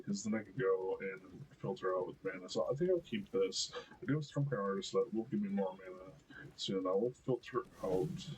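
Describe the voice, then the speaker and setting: A man with a deep, low-pitched voice gives casual commentary over his own gameplay. He keeps his volume down and half-mumbles his thoughts as he weighs each move. A faint hiss sits under his voice. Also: rough recording. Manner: quiet, mumbling while thinking aloud.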